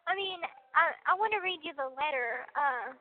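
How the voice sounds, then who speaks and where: A woman's voice: high voice, expressive, moderate pace, slight background noise. A woman talking in a rambling, chatty way on a prison payphone call, laughing easily as she goes. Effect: prison payphone call line. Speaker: caller from a correctional facility. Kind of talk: casual phone chat. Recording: tinny payphone line.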